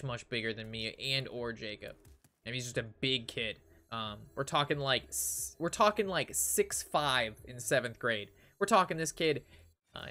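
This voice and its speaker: A young American man with a medium-pitched, slightly bright voice tells his stream chat a casual, rambling anecdote while gaming. He swears freely and exaggerates for comic effect.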